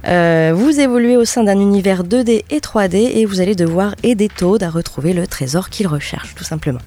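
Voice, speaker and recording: Mellow-voiced woman hosting campus radio. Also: medium pitch, expressive, a little fast, slight background noise. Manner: chatty, laughs often, many fillers. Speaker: radio show host. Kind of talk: casual radio chat. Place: radio studio.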